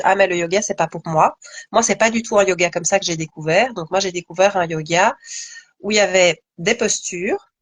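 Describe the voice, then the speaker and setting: A woman speaking as a guest in a relaxed live conversation, thoughtful and searching, with frequent fillers and self-corrections. Her mid-range voice sits in a dry, close sound with no room around it. She keeps returning to her point and rephrases as she goes. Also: mid-range voice, no room sound. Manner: thoughtful, many fillers and restarts. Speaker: guest, yoga teacher.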